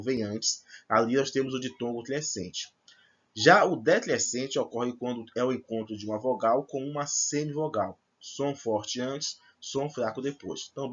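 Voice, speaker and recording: A man with a husky, medium-pitched voice takes first-year students through a grammar lesson step by step, pausing to check in with the class. It's a recorded remote lesson, and the audio has its highs cut off.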